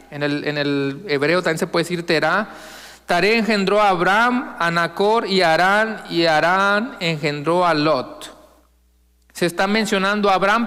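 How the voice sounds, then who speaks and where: High-voiced pastor preaching in a hall. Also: male voice, sharp tone, smooth. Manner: asks the congregation questions and answers them; slow, emphatic reading of scripture. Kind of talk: sermon.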